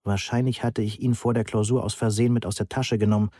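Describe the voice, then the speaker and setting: A man reading a novel aloud in the first person in an even, measured way. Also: fairly low pitch, no echo, studio quality. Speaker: audiobook narrator.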